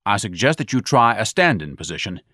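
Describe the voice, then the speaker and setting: A man's voice: on the low side, big pitch swings, brisk, bright, forceful tone, no echo, clean studio sound, exaggerated voice. Man putting on a pompous, lecturing blowhard. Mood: indignant, lecturing. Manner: didactic, grandiloquent, self-important. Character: pompous, fussy, overweight grown man.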